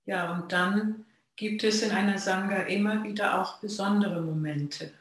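Reflective dharma talk from a Zen practitioner, unhurried and pausing, heavy room echo. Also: medium pitch, fairly even intonation, fairly bright tone. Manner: slow, measured, pausing between phrases. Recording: very echoey room.

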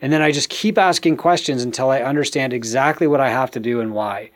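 A middle-aged man with a medium-pitched voice presents business advice to viewers. He speaks in a tidy, organized coaching manner, phrasing each point deliberately and stressing what matters. It sounds like a prepared monologue from a show host.

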